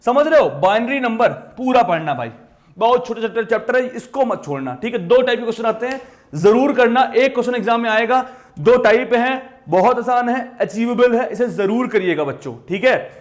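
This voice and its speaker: High-pitched guy teaching exam maths, punchy and repetitive, bits. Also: lively intonation, brisk. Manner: emphatic, repetitive, addresses students directly. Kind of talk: exam-prep lesson.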